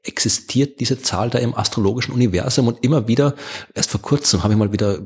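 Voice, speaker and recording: Husky, sarcastic Austrian man chatting. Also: mid-range voice, fast, darkish tone. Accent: Austrian German. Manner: chatty and sarcastic, laughs often, many fillers. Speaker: podcast co-host. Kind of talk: casual podcast chat.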